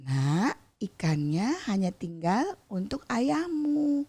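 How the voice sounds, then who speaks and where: A woman voicing a gentle, sad mother who soothes and apologizes in a spoken folk tale. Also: mid-range voice, big pitch swings, slow pace, husky, exaggerated voice. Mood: soothing. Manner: soft, apologetic.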